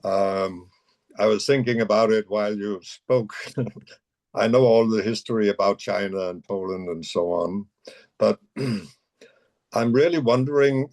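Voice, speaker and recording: A man's voice: on the low side, measured pace, darkish tone. A man from the United States, an audience participant asking a question in a hesitant, conversational way with many fillers over a video call.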